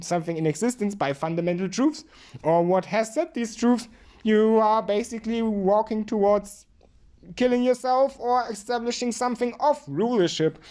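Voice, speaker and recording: A woman's voice: medium pitch, darkish tone. A woman giving a drunk, rambling philosophical monologue, emphatic and repeating herself.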